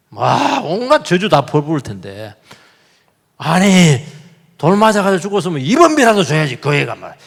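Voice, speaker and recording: A man's voice: sits high, vocal fry, long reverb tail. A male pastor giving a sermon, talking animatedly and putting rhetorical questions to his congregation. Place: church sanctuary.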